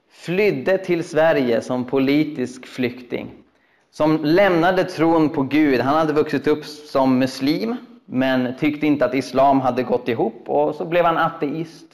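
A man preaching a sermon, telling stories in an animated, expressive way with acted quotes. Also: mid-range voice. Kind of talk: sermon storytelling.

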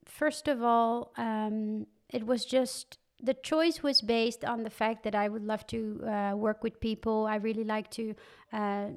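A woman's voice: fairly high pitch, steady tone, unhurried, few pauses, clean tone. A young woman from the Netherlands, a guest on a podcast, chatting casually and animatedly with frequent fillers and laughs. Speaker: guest, wine content creator. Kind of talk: casual interview chat.

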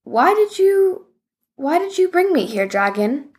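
An earnest, curious little boy from a children's story asks his questions in a bright, lifted voice, as a woman reading aloud puts him on. He sounds a touch breathless and is eager to help his friend. It is gentle storybook acting. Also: sits high, very animated, unhurried, pitched above the performer's own voice. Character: brave, curious young boy.

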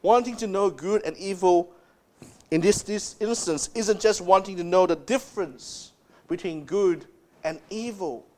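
Slow, high-voiced man preaching a sermon. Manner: emphatic preaching, drops low and soft to stress words. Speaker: pastor.

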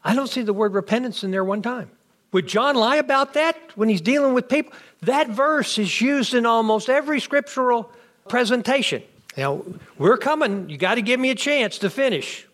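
Man with a high voice, bible class teacher, quick rhetorical questions, answers them himself. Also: expressive, fairly bright tone. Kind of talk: interactive bible class lecture.

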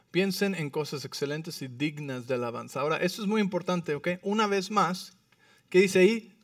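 A man with a fairly high voice delivers a sermon from a pastor's pulpit. He keeps checking in with the congregation and moves between hushed asides and emphatic lines. He sounds set back from the microphone, in a dry, unreverberant space. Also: no room sound, distant mic. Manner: frequent tag questions to the congregation. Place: church.

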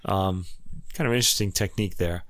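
Podcast host, male, New York accent, somewhat low voice, dry close sound, chatty delivery with lots of ums. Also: fairly quick, fairly bright tone, dry recording. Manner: conversational, many fillers and restarts. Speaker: music review podcast host. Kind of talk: casual music commentary.

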